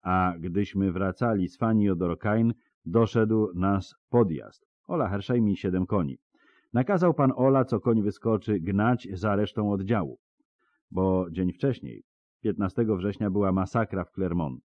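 A man's voice: fairly low pitch, animated, measured pace, no room sound, lo-fi sound. A man doing a deferential soldier testifying. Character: nervous male soldier testifying before a tribunal. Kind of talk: audiobook character voice.

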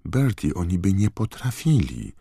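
A man's voice: low voice, very animated, normal speed, creaky, dark tone, slightly rough, no echo, clean studio sound, voice pushed up, full character voice. A man voicing an anxious witch in a dressing gown in an audiobook, pleading in a half-whisper. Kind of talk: audiobook character voice.

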